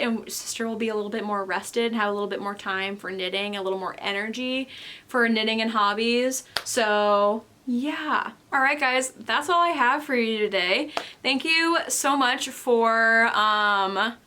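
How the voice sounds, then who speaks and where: A woman's voice: on the high side, bright, forceful tone, slight background noise. A tired young woman hosting a knitting podcast, chatting casually and rambling with lots of fillers, recorded at home. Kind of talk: casual chat.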